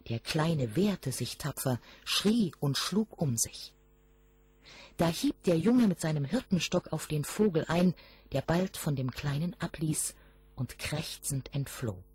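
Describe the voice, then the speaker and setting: Slow, husky woman reading a fairy tale. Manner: slow, expressive storytelling with lively pitch. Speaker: storyteller. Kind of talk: read-aloud fairy tale narration.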